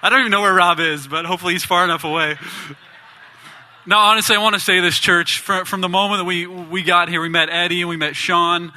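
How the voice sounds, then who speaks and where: On a church stage, a young man from Indiana who plays in a gospel band shares his testimony in a chatty, joking way. He talks fast in a high, pushed, bright voice with little pitch movement.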